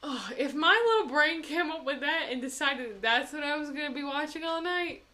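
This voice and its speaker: A woman's voice: high-pitched, brisk, pushed and bright. A young woman co-hosting a podcast, chatting casually and reacting expressively with groans and interjections. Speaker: podcast co-host. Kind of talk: casual chat.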